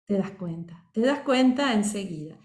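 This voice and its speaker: A woman's voice: mid-range voice, expressive, moderate pace, darkish tone. A woman teaching a voice course, explaining patiently and often checking that her listeners are following. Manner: keeps checking in with the audience; explanatory, acts out example voices. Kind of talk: course lecture. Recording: roomy reverberant sound.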